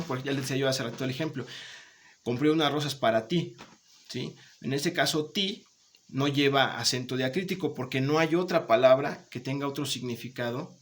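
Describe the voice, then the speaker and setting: A man's voice: mid-range voice, slight background noise. A male teacher giving a remote class, explaining patiently, repeating points, checking in often and encouraging his students. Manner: warm, encouraging toward students.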